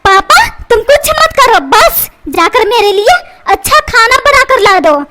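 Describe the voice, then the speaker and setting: A woman's voice: very high-pitched, very animated, measured pace, heavily acted. A woman voicing a spoiled, scheming young boy who wheedles and bosses his father around. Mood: bossy. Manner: wheedling, bossy. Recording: noisy background.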